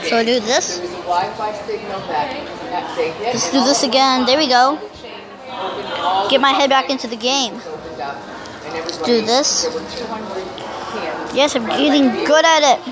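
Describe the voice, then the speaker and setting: A youngster who can't pronounce R's, saying w instead, rambling loudly through casual gameplay commentary. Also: high-pitched, slow pace, pauses often, a loud crowd. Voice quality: speech impediment, cannot say R's correctly, says w for r. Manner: rambling, self-described loud talker. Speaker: YouTuber.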